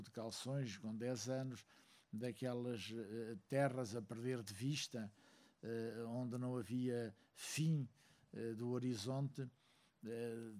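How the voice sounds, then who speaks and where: A man from Angola giving a reflective speech to a seated audience, measured and full of hesitant pauses. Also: medium pitch, dark tone. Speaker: speaker at a book launch.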